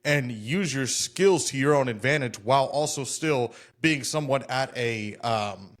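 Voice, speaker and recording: A man from the United States hosts a podcast over a video call, conducting a casual interview in an easygoing, enthusiastic manner. His mid-range voice is slightly bright and animated, and he speaks at an unhurried pace.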